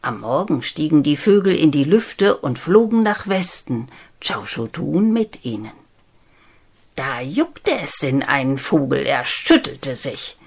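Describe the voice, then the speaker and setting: Eine Frau, die ruhig und gemessen ein Märchen vorliest. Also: female voice, low-pitched, breathy edge. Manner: slow, calm, measured. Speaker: storyteller. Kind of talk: fairy tale reading.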